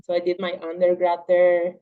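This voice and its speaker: A young woman from Paraguay, whose first language is Portuguese, is a guest on a podcast, chatting casually in an interview. She's relaxed and talkative, saying "like" often and laughing, with a fairly low voice at normal speed. The audio is lo-fi and slightly dull.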